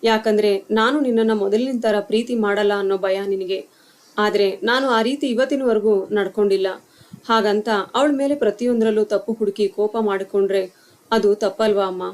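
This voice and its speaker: A woman voicing a calm young husband and son who gently reasons with his mother in a storybook tale. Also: mid-range voice, normal speed, lightly acted. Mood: firm.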